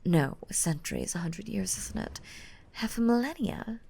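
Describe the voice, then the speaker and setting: In an intimate ASMR roleplay, a woman plays a gentle, motherly mermaid who is five hundred years old yet still young and softly dominant, soothing the listener with pet names. Her soft, breathy voice often drops to a whisper, medium in pitch with lively intonation at a moderate pace, sounding tender and playful.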